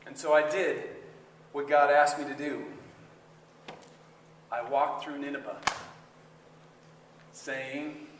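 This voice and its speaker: A man playing the prophet Jonah in a comic first-person monologue, swinging from hushed asides to indignant shouting. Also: a little high, little pitch movement, slow, long pauses, a little hiss or hum. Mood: storytelling. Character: resentful, self-righteous male prophet Jonah. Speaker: solo stage performer. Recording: echoey hall picked up from far off.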